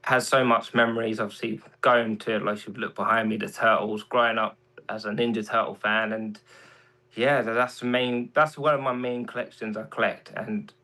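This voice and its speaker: Hesitant soft-spoken London man. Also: lowish voice, little pitch movement, normal speed, rough recording. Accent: London English. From England. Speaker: guest. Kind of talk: casual chat.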